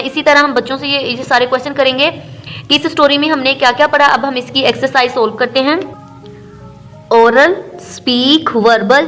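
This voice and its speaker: A woman teacher explains an English textbook lesson, reading English lines slowly and then explaining them in Urdu. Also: high-pitched, fairly bright tone, low-quality recording. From Pakistan.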